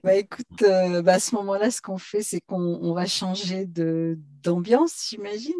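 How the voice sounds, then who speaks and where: A woman host chatting casually with a guest, lively and quick to laugh. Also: medium pitch. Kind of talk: casual chat.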